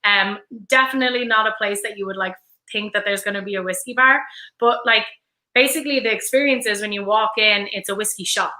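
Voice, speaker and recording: A woman's voice: mid-range voice, fairly quick, bright, forceful tone, roomy sound, low-quality recording. A woman in her thirties from Dublin with an Irish accent, chatting enthusiastically as a guest on a livestream, full of "like" and "um". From Ireland (Dublin). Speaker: brand ambassador guest. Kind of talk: casual livestream chat.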